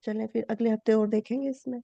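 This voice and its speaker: A woman's voice: steady tone, fast talker, creaky, mellow, no echo. A woman teaching grammar in an online class, explaining step by step and quizzing her students. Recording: dull low-fi dry sound.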